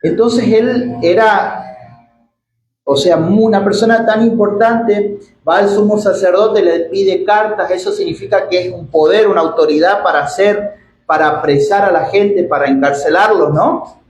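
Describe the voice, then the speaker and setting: A high-pitched man with an Argentine accent preaches in an echoey church hall. He reads scripture slowly, stretching out the quoted words, then slips into casual explanation full of restarts and rhetorical questions. A faint hiss of background noise runs under him. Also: darkish tone. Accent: Argentine Spanish. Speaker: pastor. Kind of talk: sermon.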